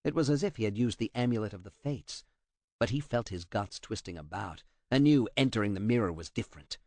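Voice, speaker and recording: A man with a somewhat low voice narrates a dramatic audiobook, his pitch swinging widely to shape each sentence. The recording is dry and close, with no room sound at all. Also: animated, a little fast, a little mellow, no echo.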